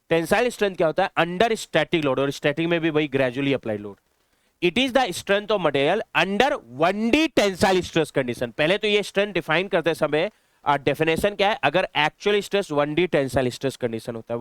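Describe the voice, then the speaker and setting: Fast, clear-voiced man teaching. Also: fairly high pitch, dry recording. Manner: explains step by step, answers his own questions; mixes English terms into Hindi. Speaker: engineering teacher. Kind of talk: classroom lecture.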